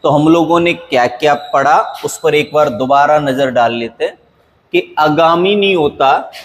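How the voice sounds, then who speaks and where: A man's voice: a little high, moderate pace, long reverb tail. A male teacher giving an exam-prep grammar lesson, drilling word pairs in a repetitive way and checking that students follow.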